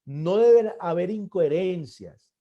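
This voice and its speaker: A man's voice: sits high, animated, unhurried, lo-fi sound. Earnest man teaching stagecraft. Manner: earnest, repeats and restarts words, stresses key points louder. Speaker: church arts teacher. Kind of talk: classroom lecture on stage performance.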